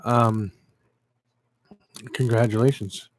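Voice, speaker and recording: A man's voice: lowish voice, steady tone, slow. A man casually hosting a live stream, rambling and chatting with viewers by name.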